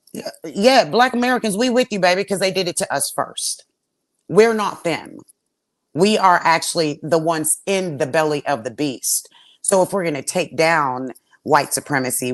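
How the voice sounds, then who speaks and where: Low-voiced woman guest, hesitant then forceful. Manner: hesitant start with many fillers, then forceful. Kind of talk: podcast panel discussion.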